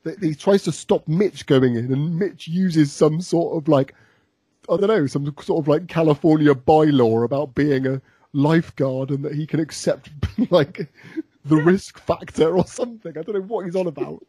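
A man's voice: a little high, normal speed, dark tone, slightly rough, no echo. A man chatting casually as a podcast co-host, recapping an episode with a rambling, laughing delivery. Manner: rambling, many restarts and laughs. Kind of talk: casual chat.

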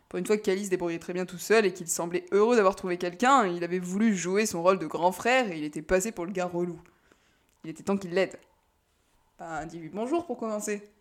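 An audiobook narrator, a woman with a medium-pitched voice, reads a novel in a calm, measured manner as scripted narration.

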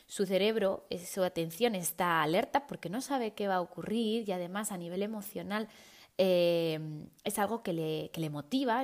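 A young woman talking to camera, giving parents chatty, explanatory tips on children's attention. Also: medium pitch. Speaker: parenting educator. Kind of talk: casual advice talk to camera.

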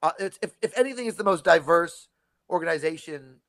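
A man from Canada with a standard American, Californian accent, chatting casually and jokingly in an animated, sarcastic way. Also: fairly high pitch, a little fast, dry recording, clean studio sound. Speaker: studio guest.

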